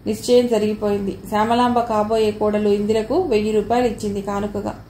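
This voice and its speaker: A woman reading a novel aloud as an audiobook narrator, with a steady storytelling manner. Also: medium pitch, a little fast. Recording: echoey room with faint noise.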